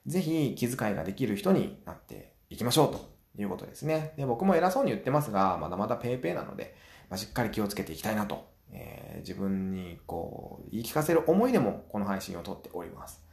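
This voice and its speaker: Guy hosting a solo talk show, chatty, talks fast and acts out little scenes, lots of filler sounds. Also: on the low side, big pitch swings, vocal fry, a little mellow, roomy sound. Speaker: podcast host.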